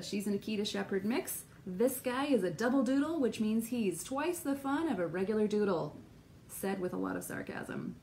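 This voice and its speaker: A chatty woman with a gravelly, fry-tinged voice talks casually to camera about caring for dogs. Her delivery is playful and dryly joking, sitting at a middling pitch. Faint background noise hums under her voice from an indoor shop. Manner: chatty, playful, lively explaining. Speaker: aromatherapist and shop staff. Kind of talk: casual educational talk to camera.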